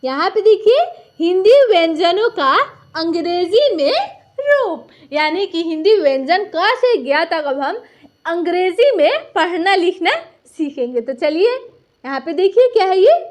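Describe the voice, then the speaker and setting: A woman's voice: very high voice, animated, unhurried, a little mellow. A woman teaching a beginner lesson step by step, patiently asking questions and answering them herself.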